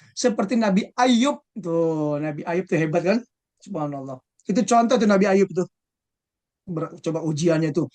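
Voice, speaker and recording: An Islamic religious teacher giving a conversational study talk, full of rhetorical and tag questions and soft chuckles between points. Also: mid-range voice.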